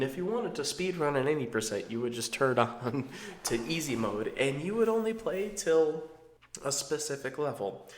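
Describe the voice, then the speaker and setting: Male vlogger, thirties, rambling conversational commentary, noticeably echoey recording. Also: mid-range voice. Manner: digressive, conversational. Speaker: video channel host. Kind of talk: casual, rambling retro game commentary. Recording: roomy, echoing sound.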